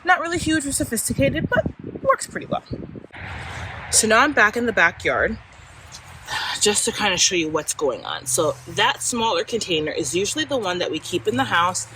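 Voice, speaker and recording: A woman's voice: mid-range voice, big pitch swings, moderate pace, sharp tone, a little hiss or hum, poor audio. A woman chatting informally and easygoing to viewers in a casual gardening vlog, recorded outside in a backyard. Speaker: gardening vlogger. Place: outdoors in a suburban backyard and side yard.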